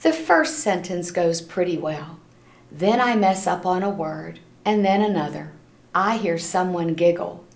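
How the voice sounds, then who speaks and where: Her voice is lowish and gravelly as she reads a children's storybook, expressive and a little slow. Between simple story lines she drops brief asides to listeners, all captured in an echoey room.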